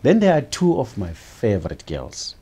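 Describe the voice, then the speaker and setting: A man's voice: fairly low pitch, huge pitch swings, normal speed, mellow, a little hiss or hum. A man from the film's crew, enthusiastically praising the cast in a behind-the-scenes interview. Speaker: filmmaker.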